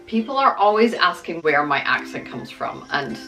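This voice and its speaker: In a rough recording with soft background music, a middle-aged vlogger from the United States speaks casually to camera in an American accent with a hint of Scottish. Her low, creaky, slightly bright voice swings widely in pitch at a moderate pace, and she's self-deprecating and full of ums.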